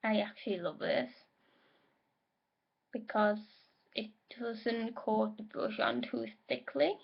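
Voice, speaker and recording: Slow, gravelly-voiced woman doing makeup. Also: on the high side, little pitch movement. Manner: chatty, self-correcting asides. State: coughing now and then. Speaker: makeup vlogger. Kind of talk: casual makeup tutorial. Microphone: laptop microphone. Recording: dull lo-fi home recording.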